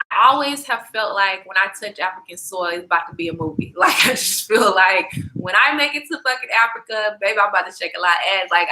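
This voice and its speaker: A woman's voice: medium pitch, sharp tone, slight background noise, poor audio. A young woman chatting casually on a travel livestream, slangy and profane, talking straight to her viewers. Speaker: travel vlogger.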